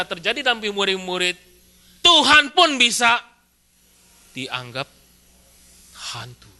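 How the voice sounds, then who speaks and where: A male pastor from Indonesia giving a sermon in a church, chatty and full of rhetorical questions. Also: extremely high pitch. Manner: lively, conversational preaching with rhetorical questions.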